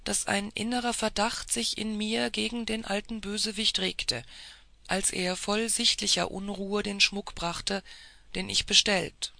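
A reader playing a proud male officer, speaking emphatically in a raised, gravelly voice. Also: medium pitch, level tone, measured pace, bright, forceful tone, no room sound. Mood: earnest.

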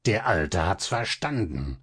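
A man's voice: deep voice, very animated, a bit bright, husky, full character voice. A man playing a sinister mocking old man. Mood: menacing. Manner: hissing, sneering, drawn-out.

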